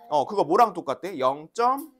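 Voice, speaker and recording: A woman's voice: on the low side, sing-song, moderate pace. A teacher leads a class of young children through a math lesson, her voice rising and falling a great deal as she asks questions and waits for answers. She sounds like a woman speaking in a classroom, patient and coaxing as she has the children repeat after her. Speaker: elementary school teacher.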